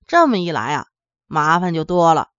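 Lively woman storyteller, dull dry recording. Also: sits low, moderate pace, no room sound. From Henan, China. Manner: lively, chatty, addresses listeners directly. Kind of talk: folksy comic storytelling.

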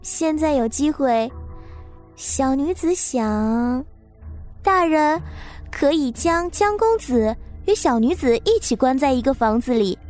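A woman with a high, darkish voice tells a story with voiced characters, here playing a coy young courtesan who laughs and sounds self-assured. Faint music plays in the background.

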